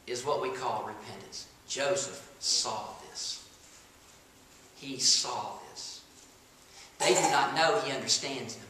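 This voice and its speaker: A man's voice: mid-range voice, sharp tone, slight background noise. A man preaching a sermon as pastor of a church, dramatic and acting out the voices he quotes. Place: church sanctuary. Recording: echoey church room.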